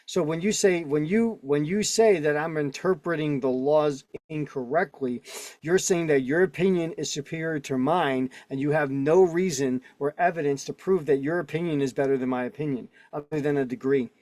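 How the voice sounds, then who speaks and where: A man's voice: fairly high pitch, moderate pace, darkish tone, dry recording. A man teaching casually on a video call. He argues his points and keeps checking in with the listeners. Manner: argumentative, keeps checking in with "right?" and "okay?". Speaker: instructor.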